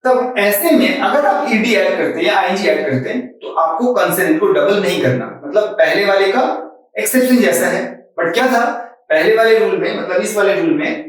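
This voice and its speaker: A man explains grammar rules in a patient lesson, repeating example words and spelling them out. His voice sits fairly high for a man. He is recorded from a distance in a strongly echoing room. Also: lively intonation, normal speed. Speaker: English grammar teacher.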